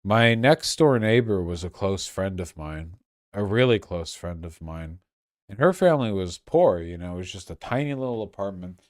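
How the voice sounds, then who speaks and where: A man's voice: low-pitched, lively intonation, normal speed, no room sound, studio quality. A very drunk man rambling on a casual livestream, crude, losing his thread and stumbling over repeated words. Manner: crude, swearing.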